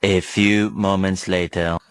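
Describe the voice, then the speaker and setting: A smooth announcer voice giving drawn-out, deliberate time-skip captions between skits. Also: sits low, level tone, no echo.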